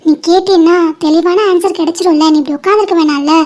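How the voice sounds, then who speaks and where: A woman's voice: very high-pitched, steady tone, quick pace, a little mellow. A woman voicing a young female best friend in a cartoon, who reassures her friend in a firm, coaxing way. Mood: reassuring. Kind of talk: animated cartoon voice acting.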